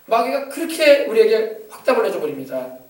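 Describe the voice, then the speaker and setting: Korean-church style pastor guy preaching fast and emphatic, high voice, echoey hall, kinda far from the mic. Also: sing-song. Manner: emphatic, exhorting, switching between loud commands and soft asides. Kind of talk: sermon. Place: church sanctuary.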